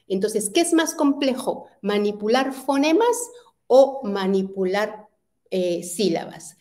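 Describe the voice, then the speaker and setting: A woman's voice: medium pitch, a little mellow. A woman presenting an educational webinar on early literacy, explaining step by step and asking rhetorical questions.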